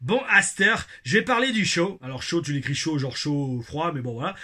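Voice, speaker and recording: A man voicing a cheeky male viewer from Quebec as he reads the viewer's comment aloud, in a put-on Québécois accent, loud, hearty and teasing. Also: on the high side, animated, normal speed.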